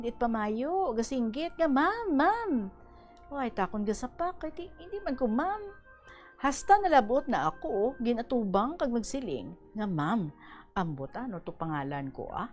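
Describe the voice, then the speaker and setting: A woman with a Hiligaynon accent hosting a radio program and reading a listener's letter aloud with lively, animated delivery. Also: high-pitched.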